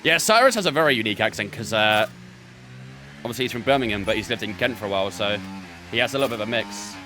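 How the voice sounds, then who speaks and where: A man's voice: on the low side, animated, fast, bright, forceful tone, soft background music. A young man streaming a racing game from his bedroom, chatting with viewers between laps. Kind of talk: casual live-stream chat while racing.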